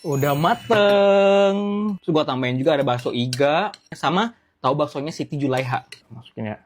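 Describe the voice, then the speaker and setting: A man's voice: medium pitch, fast. A man from Bandung chatting casually as a food vlogger while he eats soup. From Bandung, Indonesia. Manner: talks while eating soup. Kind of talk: casual mukbang vlog while eating. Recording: clearly noisy, with clicks. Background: background noise and clicks.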